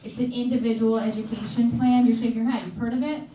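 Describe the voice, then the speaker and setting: A woman's voice: fairly high pitch, fairly even intonation, fast, dark tone, a little hiss or hum. A woman doing stand-up comedy in a live club, brash and chatty, teasing the audience. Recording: echoey club, heard from far off. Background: audience laughter.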